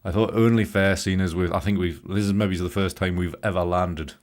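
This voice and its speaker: A slightly weary middle-aged British livestream host edits photos in his home studio room, joking and greeting viewers by name. Speaking British English, he has a low-pitched, darkish voice with a steady tone and a slightly fast pace.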